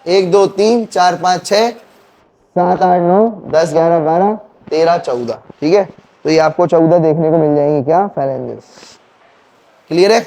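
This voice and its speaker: Man, teacher, high pitch, mellow tone, classroom quizzing. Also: unhurried. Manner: quizzing students, counting bones aloud. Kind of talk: classroom lecture with call-and-response questions.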